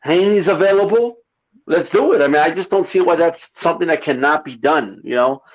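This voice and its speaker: Man over a muffled CB-radio-like line. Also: fairly high pitch. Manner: halting, repeats his words and restarts. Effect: sounds like talking over a CB radio. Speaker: caller on a boxing talk show. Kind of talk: casual boxing chat.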